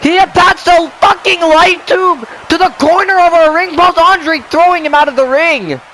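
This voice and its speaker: A man calling a video game wrestling match as play-by-play commentator, shouting and exclamatory with a joking streak. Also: very high-pitched, normal speed, slight background noise, low-quality recording.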